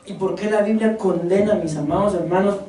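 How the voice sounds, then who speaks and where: A woman delivers a sermon in a mellow, warm voice, throwing rhetorical questions at the congregation. She stands away from the mic, and the recording carries the long echo of a church hall. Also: medium pitch. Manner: animated, addresses congregation as beloved brothers, quick rhetorical questions. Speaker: preacher. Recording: echoey hall, voice from far off.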